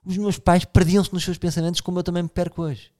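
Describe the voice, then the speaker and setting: Warm and high-sitting, his voice keeps a level tone at a quick pace. A man in his thirties with a European Portuguese accent, he hosts a podcast, muses aloud informally, restarts often, and speaks straight to his audience.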